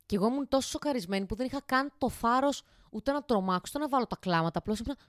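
A woman's voice: fairly high pitch, animated, no room sound, studio quality. A woman in her twenties hosting a casual podcast from her home kitchen. She cooks while she talks, rambling, swearing casually and talking straight to her listeners. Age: 20s. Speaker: podcast host.

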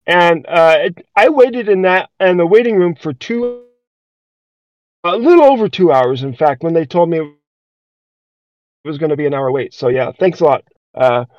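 A man's voice: on the high side, expressive, normal speed, long pauses, dry recording. A man co-hosting a podcast, telling a story in a casual, rambling way, full of hesitations and restarts. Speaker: podcast co-host. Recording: dull lo-fi dry recording.

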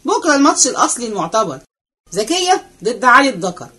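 A woman's voice: fairly high pitch, breathy edge, heavily acted. Woman putting on a cheeky Egyptian servant boy. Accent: Egyptian Arabic. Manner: excited rapid chatter, running commentary. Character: cheeky young male servant boy, restless.

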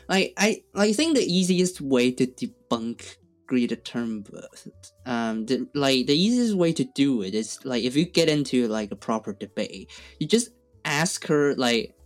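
A young man co-hosting a podcast in casual chat, halting and full of fillers, strongly opinionated. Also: mid-range voice, very animated, soft background music. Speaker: podcast co-host.

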